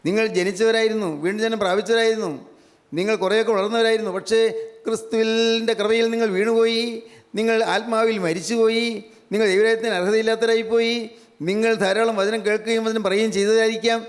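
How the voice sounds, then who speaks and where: High-voiced man preaching in a hall. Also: flat delivery, fast. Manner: emphatic, repetitive preaching that sinks into hushed fervent prayer. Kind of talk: sermon. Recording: long hall reverb.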